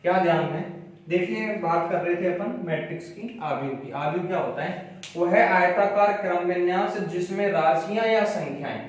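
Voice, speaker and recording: A man giving a maths lesson, repeating key phrases slowly as he writes on a board. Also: high voice. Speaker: maths teacher. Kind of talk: classroom lecture. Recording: very echoey room, mic far off.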